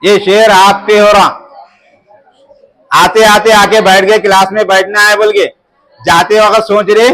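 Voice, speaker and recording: High-voiced man teaching a class. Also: little pitch movement, pushed and bright, low-quality recording. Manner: slow, deliberate, repeats questions to students. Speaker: Urdu teacher. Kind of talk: classroom revision lesson.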